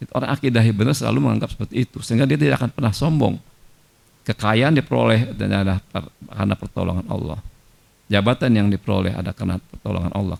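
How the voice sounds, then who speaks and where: A man's voice: fairly low pitch, gravelly, a little mellow. A man giving a conversational sermon in a mosque, mixing in Arabic quotations. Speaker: preacher.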